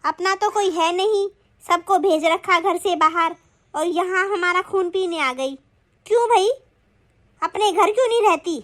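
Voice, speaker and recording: A woman's voice: very high-pitched, a little slow, fairly bright tone. A woman voicing a bossy, scolding cartoon sister-in-law. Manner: scolding, taunting. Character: domineering, sharp-tongued woman, the sister-in-law. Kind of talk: Hindi cartoon voice acting.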